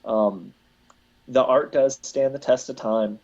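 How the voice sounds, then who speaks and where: A man's voice: mid-range voice, slow pace, darkish tone. Rambling male podcast host, lo-fi. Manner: rambling, many restarts and fillers. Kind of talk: casual live podcast chat.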